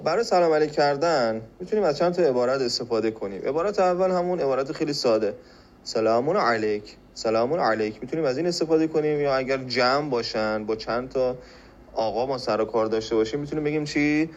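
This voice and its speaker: A man from Iran teaching a spoken language lesson on a podcast. He explains patiently, repeats phrases slowly and asks rhetorical questions. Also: medium pitch, highs cut off.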